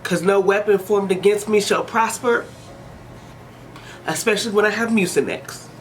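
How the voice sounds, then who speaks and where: A hair vlogger with a medium-pitched voice gives a casual tutorial at a moderate pace, with a little hiss or hum in the audio. She's chatty and joking, talks to herself, and sounds sniffly from a head cold.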